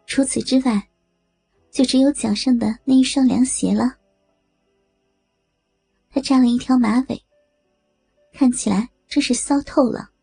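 High-pitched, breathy woman narrator. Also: steady tone, measured pace, long pauses, mellow, no echo, soft background music. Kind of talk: erotic audio story reading.

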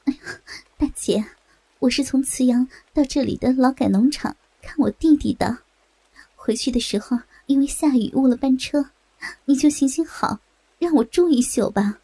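A woman voicing an exhausted young woman who pleads for shelter in a breathy, half-whispered voice. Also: sits high, normal speed, warm tone, rough recording. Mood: pleading whisper.

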